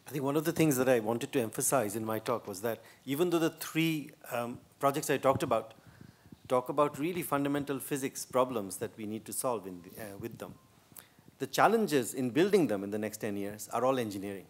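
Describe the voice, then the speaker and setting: A man's voice: mid-range voice, a little fast. A man, a scientist on a panel, speaking fluently and emphatically. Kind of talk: panel discussion answering questions.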